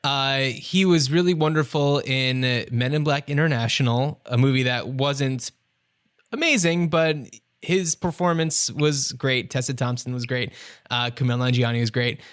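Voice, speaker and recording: A man co-hosts a podcast in a relaxed, agreeable tone. He leans on "like" and "you know" as he works through his thoughts. His voice sits at an everyday middle pitch. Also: normal speed, clear, resonant tone. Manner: easygoing, agreeable, filler-heavy. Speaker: podcast co-host. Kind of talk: casual chat.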